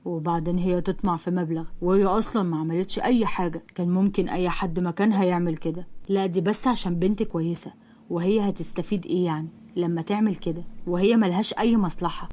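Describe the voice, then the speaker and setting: A woman's voice: fairly low pitch, steady tone, fast talker, warm tone, voice pushed down, lightly acted. A woman voicing a stern middle-aged father who dismissively grumbles in Egyptian Arabic.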